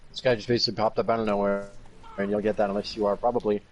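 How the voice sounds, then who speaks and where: A man's voice: fairly low pitch, level tone, very fast, poor audio. A man co-hosting a podcast in casual chat, rambling in a sardonic way and swearing casually. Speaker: podcast co-host.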